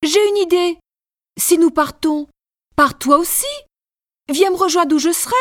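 A gentle young woman in love speaks in a high, soft girlish voice, put on by a male reader. She is tender and sincere, a heroine in a dramatized reading of a classic novel. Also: expressive, slow, heavily acted. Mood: eager.

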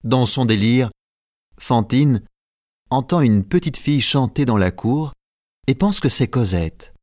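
A man narrating a story as an audiobook, in a measured, clear storytelling delivery. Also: mid-range voice, animated, a little mellow, no room sound, clean studio sound.

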